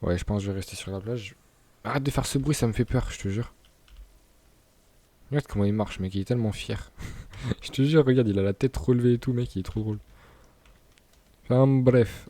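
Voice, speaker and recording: A man's voice: fairly low pitch, brisk, long pauses, dark tone, no room sound. A young man commenting casually on his gameplay, chatty, laughing and tripping over words. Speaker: gaming YouTuber.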